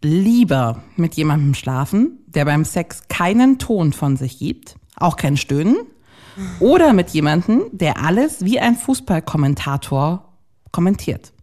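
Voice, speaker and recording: A woman hosts a casual podcast conversation in a rather low voice. Her pitch swings widely as she teases her co-host. She reads her questions out slowly and with deliberate weight. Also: sing-song, darkish tone.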